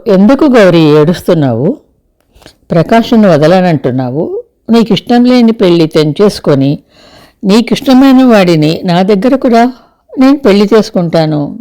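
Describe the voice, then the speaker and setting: A woman's voice: on the low side, warm tone. A woman voicing an earnest, persuasive young man in an audio story, close to her own voice. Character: man, young adult, earnest cousin and husband.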